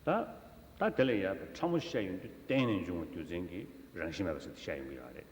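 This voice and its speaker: Deep-voiced Tibetan man teaching in an echoey hall. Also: huge pitch swings. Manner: halting, with filler syllables and repeated words. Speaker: Buddhist teacher. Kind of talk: religious teaching, spoken in turns with an interpreter. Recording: echoey hall, long reverb, faint noise.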